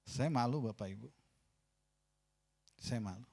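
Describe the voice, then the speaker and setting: A man with an Indonesian accent preaching a sermon as pastor in a church, swinging between loud, mocking asides and quiet, confessional lines. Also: medium pitch, a little slow, creaky. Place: church sanctuary. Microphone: pulpit microphone.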